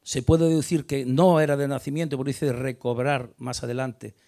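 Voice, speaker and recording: A man preaching a sermon, emphatic, stressing key words loudly before dropping quiet, often repeating words as he restarts. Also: medium pitch, steady tone, normal speed, creaky. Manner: emphatic, builds to loud stressed peaks then drops quiet. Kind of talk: sermon on a Bible passage.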